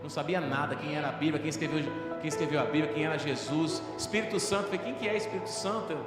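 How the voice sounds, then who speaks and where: A young male pastor from Brazil, preaching a sermon with rising intensity and dramatic pauses, recorded in a small church hall. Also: on the high side, fairly even intonation. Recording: echoey church hall with music behind.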